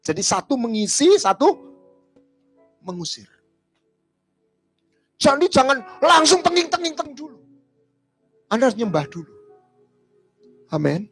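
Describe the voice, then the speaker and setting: A male pastor preaches in a lively, storytelling way. His pitch rises and falls widely as he moves between loud declarations and hushed asides. Soft music plays faintly behind him. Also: unhurried, long pauses, breathy edge. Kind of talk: sermon.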